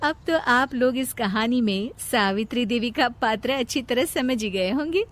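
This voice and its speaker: A woman narrating a children's moral story in an even storytelling manner. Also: a little high, moderate pace.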